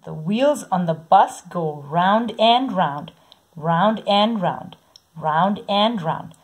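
A woman reading a children's picture book aloud in a slow, sing-song way, saying the repeated sounds softly. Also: fairly low pitch, expressive, husky. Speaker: storybook reader.

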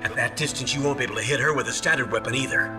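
A man's voice: medium pitch, racing, natural voice. Man playing a stern older colonel, music behind. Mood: urgent. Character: urgent, stern older male military colonel. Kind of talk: dramatic video game acting.

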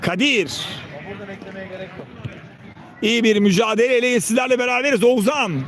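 A man's voice: moderate pace, fairly bright tone. A man giving live play-by-play football commentary in short calls of players' names. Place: outdoors beside a football pitch. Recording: outdoor pitch with players and crowd behind.

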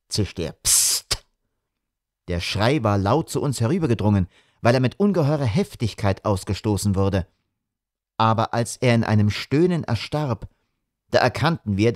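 A man reading an audiobook, with measured, atmospheric dramatic narration. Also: on the low side, darkish tone, dry recording, clean studio sound.

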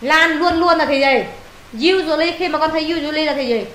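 A woman's voice: high-pitched, a little fast, a bit bright, a little hiss or hum. A woman tutoring a pupil in English, firing questions at him and scolding and teasing him when he gets answers wrong. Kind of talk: casual one-on-one homework tutoring. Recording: echoey room with faint ambience.

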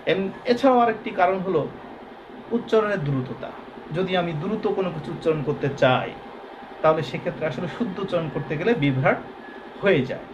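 A man from Bangladesh teaching a lesson, explaining patiently and slowly drawing out sounds as examples. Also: sits high, animated, background noise. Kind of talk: recorded classroom lesson.

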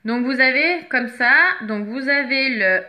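Against a noisy background, a makeup seller with a high voice speaks in an unhurried way while going through her products one by one. She chats casually and now and then pauses to track down a missing item.

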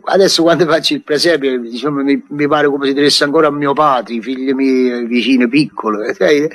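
A man's voice: mid-range voice, steady tone, brisk, close to an everyday voice. An actor as a chatty Neapolitan father. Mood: proud. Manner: rambling, chatty, proud. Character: fond older Neapolitan father, proud of his crib. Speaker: actor in a radio play. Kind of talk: 1950s radio drama acting.

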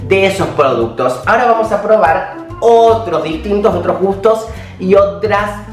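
A young Argentine man hosts a casual tasting vlog with playful energy. His pitch swings widely as he talks. He is recorded a little away from the camera in an echoey room. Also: animated, measured pace. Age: young adult. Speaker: host. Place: small bare-walled room indoors. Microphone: camera a short distance away. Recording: roomy, distant camera microphone, faint music.

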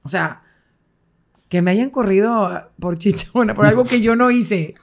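Middle-aged woman, interview guest, lively storyteller. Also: mid-range voice, measured pace, gravelly. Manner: animated, acts out quoted voices, laughs often.

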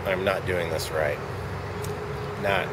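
Holding the camera at arm's length in a shopping center parking lot, a man in his forties delivers dry, wry vlog commentary in a low, steady voice at a slow pace. He drifts along with muttered asides while traffic and outdoor ambience play behind him.

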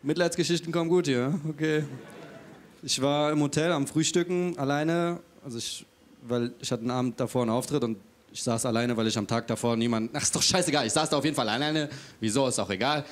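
Cheeky deadpan male stand-up comedian. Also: mid-range voice, quick pace. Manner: cheeky, deadpan self-mockery. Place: stage before a live audience.

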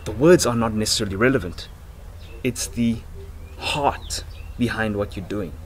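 A self-improvement vlogger in his twenties chats in an excitable, slangy, rambling monologue, swearing and breaking into giggles. His voice is on the low side at a moderate pace. He's outdoors on a house porch, recorded by a laptop's built-in mic at arm's length, so the audio is noisy.

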